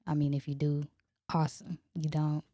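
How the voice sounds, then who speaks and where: Low, mellow-voiced laid-back woman. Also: flat delivery, normal speed, dry recording, studio quality. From Central Texas. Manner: laid-back, matter-of-fact. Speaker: guest artist. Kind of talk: casual conversation.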